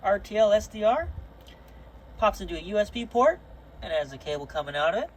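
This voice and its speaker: His high, sing-song voice moves briskly as this hobbyist gives an unscripted, slangy tour of his gear. The indoor footage is clearly noisy amateur video, and his manner stays matter-of-fact and informal.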